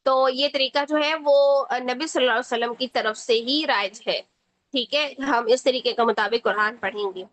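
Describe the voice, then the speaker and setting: A woman teaching Quran reading in a step-by-step tajweed lesson, patient and repeating each word slowly for the learner. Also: fairly high pitch, a bit bright, low-quality recording. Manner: checks in often with short asides.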